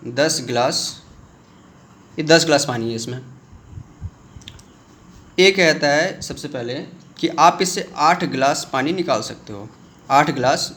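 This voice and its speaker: A man teaching a commerce lesson on video. He explains with everyday examples, calls his viewers friends, and acts out student questions in a lower voice. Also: fairly bright tone. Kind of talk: video lecture.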